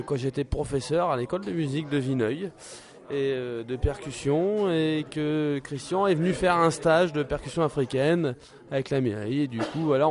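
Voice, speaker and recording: A man's voice: mid-range voice, a little mellow. Man, percussion teacher, mid voice, hesitant, many fillers, outdoors. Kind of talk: documentary interview.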